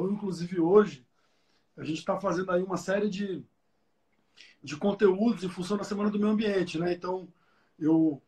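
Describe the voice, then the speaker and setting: A man's voice: high voice, a little mellow. A young man, talking casually as an interview guest, with many fillers and repeated words. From Rio de Janeiro, Brazil. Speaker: guest, environmental engineer.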